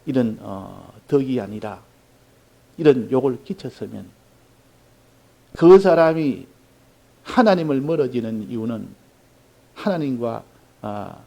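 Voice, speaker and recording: A man preaching a sermon, telling a story in an earnest way, with sudden loud emphasis. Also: medium pitch, animated, slow, gravelly, long pauses, rough recording. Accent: Korean. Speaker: pastor.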